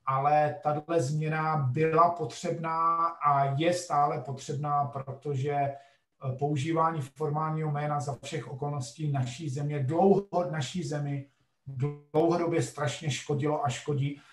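A man's voice: fairly high pitch, steady tone, fairly bright tone, echoey room, recorded from a distance. A middle-aged man, a geography professor, telling a story in a lecture-like way, emphatic, with frequent hesitation sounds. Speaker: podcast guest, geography professor.

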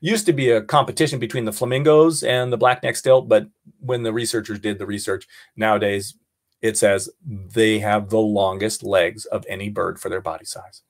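An American man teaching a nature class in a playful, animated way, asking the class questions as he goes. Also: fairly low pitch, moderate pace. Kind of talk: online class lesson.

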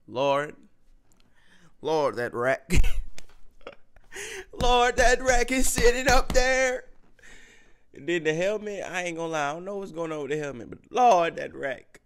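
A man's voice: sits high, sing-song, slow, pauses often, a bit bright. A man hosting a reaction video, talking casually with lots of slang and cursing and exclaiming as he watches.

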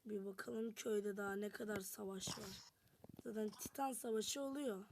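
A woman's voice: medium pitch, steady tone, normal speed, gravelly, noisy background. A woman giving chatty commentary on a game as she plays, talking straight to her viewers. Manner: chatty, talks to viewers while playing. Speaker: gameplay narrator. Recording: music playing behind.

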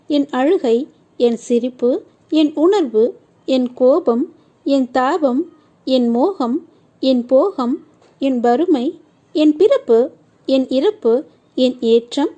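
A woman reading a scripted devotional message in a steady, earnest way, speaking straight to the listener. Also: high voice.

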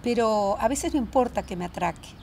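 A woman's voice: on the high side, expressive, brisk, vocal fry, darkish tone, slight background noise. A woman co-hosting a storytelling show, talking in an emphatic way and often finishing her partner's sentences. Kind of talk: casual studio chat.

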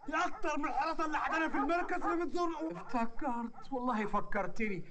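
An actor playing an excitable, fawning man in a comedy film, with an Egyptian accent. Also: extremely high pitch, rapid-fire, very noisy.

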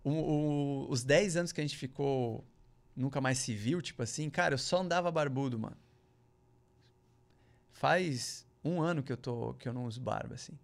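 A man with a mid-range, creaky voice appears as a podcast guest, telling a long, casual story at a moderate pace. He rambles in slang, peppers it with "cara" and "velho" asides, and acts out other people's lines in a raised voice.

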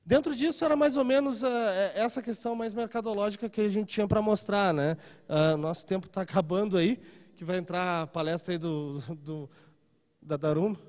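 A trade seminar speaker in his thirties talks live in a large conference room through a handheld mic, conversational and constantly checking in with "tá?" and "né?". His voice is high-pitched and a little mellow, at a moderate pace, trailing a long reverb.

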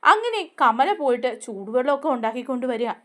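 A woman hosting a chatty recap of a TV serial episode, telling the story in an animated way with frequent conversational tag questions. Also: high voice, fast.

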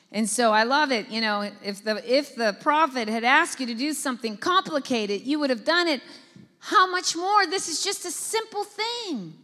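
Animated woman pastor in a reverberant hall. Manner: animated storytelling, acts out quotes with big pitch jumps. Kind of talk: Bible study sermon. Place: church hall.

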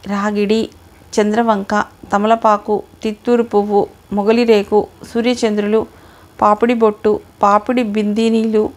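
A woman voicing a devoted mother who once danced female roles, speaking fondly in an audiobook reading. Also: fairly high pitch. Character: devoted mother, former male-role dancer, earnest.

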